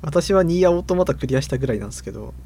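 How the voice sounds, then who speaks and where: A man in casual podcast chat, speaking in a relaxed, hesitant way with many fillers. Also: on the high side, very fast, husky. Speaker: podcast co-host.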